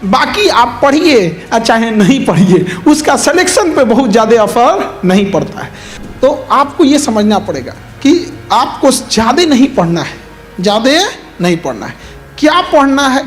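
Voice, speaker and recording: A male teacher with an extremely high-pitched voice delivers an earnest motivational speech to students. He repeats key points and mixes in English phrases.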